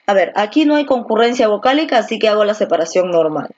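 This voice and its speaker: A woman teaches an online class at an ordinary pitch, patient and methodical. She repeats words slowly and stretches them out to show where the stress falls. The recording sounds a little dull and lo-fi. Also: animated, a little mellow. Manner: asks rhetorical questions to the student. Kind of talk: virtual class lesson.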